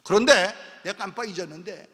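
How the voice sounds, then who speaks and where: A man's voice: high-pitched, fairly quick, pushed and bright. A man preaching an emotional revival sermon, telling stories, acting out dialogue, and often checking in with a questioning "eh?". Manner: acts out dialogue voices while telling stories. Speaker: pastor. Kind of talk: revival sermon with dramatic storytelling. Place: large church sanctuary at a revival meeting. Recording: long reverb of a large church hall.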